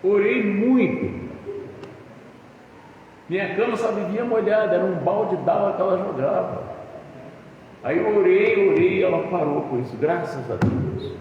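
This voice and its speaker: A man's voice: high voice, unhurried, pauses often, a little hiss or hum. A man preaching a sermon as pastor, telling folksy stories about married life and calling listeners brother. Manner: folksy storytelling, acting out couples' dialogue; addresses congregation as "irmão". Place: church hall. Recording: echoey hall, distant mic, dull sound.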